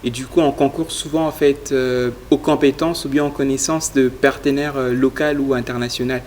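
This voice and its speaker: At a moderate pace and medium pitch, a young man from Congo answers studio interview questions about his youth leadership project. He comes across as earnest, flat and even in tone, with frequent fillers, against slight background noise.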